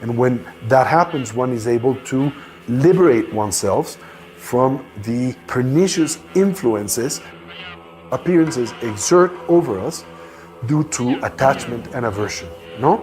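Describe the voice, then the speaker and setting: Deliberate male explainer with soft music. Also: mid-range voice, expressive. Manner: deliberate, explanatory, tag question "no?". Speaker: scholar of contemplative traditions. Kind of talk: documentary interview, explanation.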